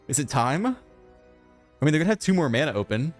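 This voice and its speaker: A man giving casual, chatty commentary over his own card game, thinking aloud and breaking into excited outbursts. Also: fairly high pitch, fast, soft background music. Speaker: gaming channel host.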